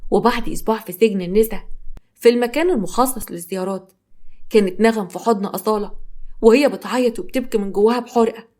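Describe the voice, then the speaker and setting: Egyptian female storyteller; brisk scripted narration. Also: medium pitch, mellow. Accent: Egyptian Arabic.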